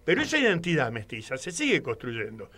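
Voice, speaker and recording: A man with an Argentine Spanish accent, a guest on a radio talk show, rambling through animated anecdotes. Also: medium pitch, fairly quick. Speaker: guest commentator. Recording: studio radio microphone.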